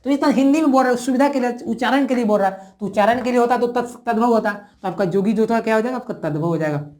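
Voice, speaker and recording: A woman's voice: a little high, quick pace, a little mellow. A woman teaching a grammar lesson, who repeats each word and keeps asking her viewers questions.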